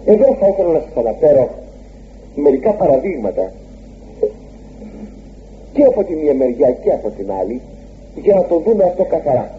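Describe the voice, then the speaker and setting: A man preaching a sermon, retelling a scripture story with lively, swooping emphasis and repeated exclamations. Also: pauses often. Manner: animated, swooping pitch on emphasis. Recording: tinny phone-like recording with faint hum.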